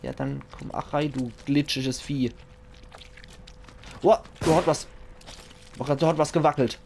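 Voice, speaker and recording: A man's voice: a little high, steady tone, unhurried, a little mellow, slight background noise. A man with a Palatinate German accent, chatting jokingly to himself as he plays through a horror game and comments on it. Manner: jokey, chatty, talks to himself while playing. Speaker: let's play commentator. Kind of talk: casual gaming commentary.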